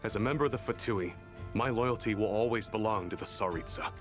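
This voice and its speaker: An actor playing a solemn, loyal soldier in a video game, speaking gravely and earnestly. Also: male voice, on the low side, a little fast, lightly acted. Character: solemn male soldier, loyal but distrustful. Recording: loud game music underneath.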